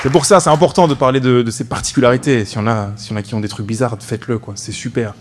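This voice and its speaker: A man's voice: medium pitch, steady tone, fast talker, crowd noise, background noise. A man in his twenties performing a stand-up comedy routine, telling a story with frequent "ok?" asides to the audience. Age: 20s. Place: comedy stage before a live audience.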